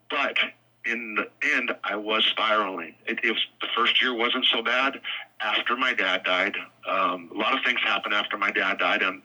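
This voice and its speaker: Man, prison phone call, very sharp rough tone, lowish pitch, halting, repetitive, confessional. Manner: halting, often repeating words. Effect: prison phone line. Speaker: interview guest calling from jail. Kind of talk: candid confessional conversation. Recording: harsh prison phone line, radio-like.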